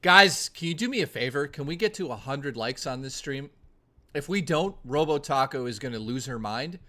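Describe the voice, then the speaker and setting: Bright, profane joking male streamer. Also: mid-range voice. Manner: reads and answers chat. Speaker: live streamer. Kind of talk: casual live-stream chat.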